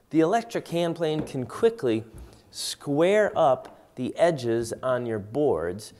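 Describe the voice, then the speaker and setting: A man in his forties walks through his favorite workshop tools, talking at an unhurried pace. His voice sits at an ordinary middle pitch, and he explains each tool plainly and steadily as he demonstrates it. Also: darkish tone. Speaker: woodworking instructor. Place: home woodworking shop, indoors.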